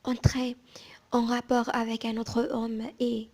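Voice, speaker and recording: Whispering softly in a library-like ASMR hush, a woman reads aloud from a book, her voice mostly unvoiced and slightly high. She keeps a level tone, phrasing things carefully and pausing briefly here and there.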